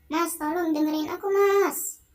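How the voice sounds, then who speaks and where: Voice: high voice, fairly even intonation, moderate pace, soft background music, lightly acted. A young gamer reading out the lines of a frightened wife in a video game, pleading with her husband. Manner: pleading, distressed. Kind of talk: game dialogue read aloud.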